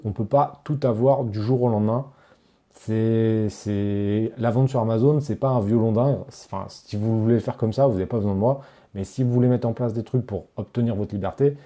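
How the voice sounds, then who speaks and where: An online course creator hosts a live Q&A stream in a mid-range, dark-toned voice at a moderate pace. He speaks straight to viewers, reads out their chat questions, and answers casually with lots of fillers and restarts.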